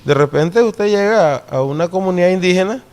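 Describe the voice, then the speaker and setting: A man with a Nicaraguan Caribbean coast Spanish accent, explaining things deliberately in an interview and often checking for agreement with short tag questions. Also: sits high, animated, a little mellow.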